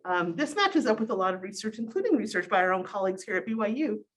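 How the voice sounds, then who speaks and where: A woman's voice: mid-range voice, very animated, quick pace. Middle-aged woman presenting through a face mask. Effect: speaking through a cloth face mask. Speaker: presenter, sociology professor. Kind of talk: informal academic presentation. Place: small conference room, indoors.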